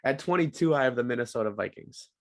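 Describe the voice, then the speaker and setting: Young male podcast co-host, easygoing, medium pitch, lots of ums. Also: animated, fast. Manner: laid-back, frequent ums and laughs. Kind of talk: casual sports chat.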